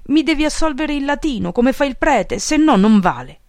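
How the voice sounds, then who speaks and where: A woman voicing a big, slow, dim-witted village strongman who talks in a stubborn, plodding, insistent way. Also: sits high, animated, a little mellow, dry recording, studio quality, voice pushed up. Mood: stubborn pleading.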